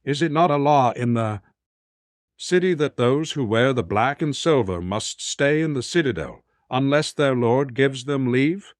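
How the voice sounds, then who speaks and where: A man voicing a stern, commanding old male wizard who speaks in a grave, measured way. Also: medium pitch, lively intonation, no room sound, studio quality, natural voice.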